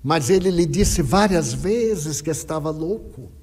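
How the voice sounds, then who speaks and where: Older male speaker, husky, dramatic lecture storytelling in an echoey hall. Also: on the high side, unhurried. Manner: dramatic, lively storyteller quoting others. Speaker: spiritist speaker.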